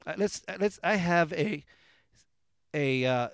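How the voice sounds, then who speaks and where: A slightly high-pitched man hosts a political talk show in a garage. His delivery is argumentative and playful, switching between debate and quiz patter. The sound is close and dry. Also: expressive, slow pace, smooth, no echo. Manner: argumentative, jokey, talks over others.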